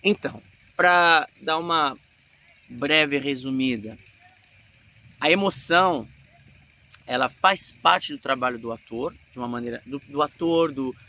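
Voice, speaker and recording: A man from Brazil with a Brazilian Portuguese accent, giving a casual acting lesson in an animated way and showing emotions as he talks. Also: medium pitch, a little slow, long pauses. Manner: animated, demonstrates emotions mid-talk. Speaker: acting teacher.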